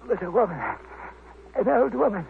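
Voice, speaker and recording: An actor playing a bitter dying man, weak and gasping, in halting broken English, in old-time radio drama style. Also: high-pitched, animated. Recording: noisy, tinny old radio recording.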